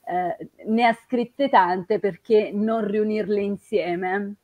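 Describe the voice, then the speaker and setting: A woman with an Italian accent, hosting a casual chat and talking in a chatty, halting way with many fillers. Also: medium pitch, fairly even intonation, no echo, muffled recording. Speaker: host.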